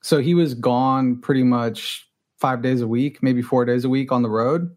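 This guest is a middle-aged man from Los Angeles who grew up speaking Spanish, telling his own story with candor, poking fun at himself and frequently starting over. His medium-pitched voice has a darkish tone, fairly even intonation and a moderate pace.

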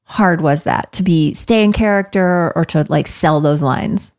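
Lower-voiced woman asking rambling questions. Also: unhurried, a little mellow. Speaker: podcast co-host, interviewer. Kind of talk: casual rewatch podcast chat.

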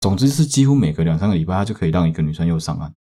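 A man with a Taiwanese Mandarin accent, telling a story casually on a podcast and swearing in sudden loud outbursts. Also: low-pitched, animated, very fast. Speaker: podcast host.

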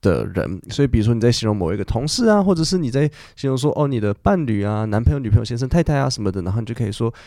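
Chatty man with a warm, mellow voice. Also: mid-range voice, animated, racing, few pauses, no room sound, clean studio sound. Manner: chatty, explains English words in Mandarin with many fillers. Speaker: podcast host and English teacher. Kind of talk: casual podcast lesson.

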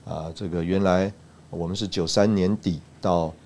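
A man from Taiwan recounting a personal church testimony, halting, with frequent "uh" and "ah" fillers. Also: deep voice, steady tone, darkish tone, a little hiss or hum. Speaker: church speaker giving a testimony.

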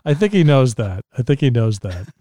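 A man's voice: mid-range voice, big pitch swings, normal speed, dark tone, no room sound, studio quality. A man co-hosting a fan podcast, introducing the guest and asking questions in a friendly way. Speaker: podcast co-host. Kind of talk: casual podcast chat.

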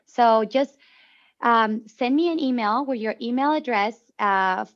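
A woman whose first language is Spanish, chatting loudly and animatedly as a life coach guest on a podcast. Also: a little high, unhurried. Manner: loud and animated by her own account. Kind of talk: casual podcast chat. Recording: dull lo-fi sound.

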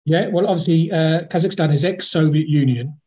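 Guesting on a casual podcast from the capital of Kazakhstan, this former football club chief executive has a slightly raised, brisk voice with a warm tone. He wanders through his answers about football, full of ums and uhs and restarted phrases. The audio is dull and lo-fi, like a remote call.

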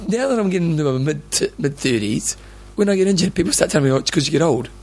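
A man in his thirties co-hosting a casual chat, animated and rambling, laughing often. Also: a little high, fast, slight background noise. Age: 30s. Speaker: podcast co-host.

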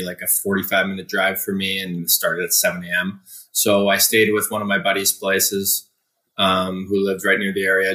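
A young man, a hockey player from Ontario, telling his story in an interview in an earnest, measured way with many fillers. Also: on the low side, sharp tone, roomy sound. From Ontario, Canada. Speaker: guest, pro hockey player.

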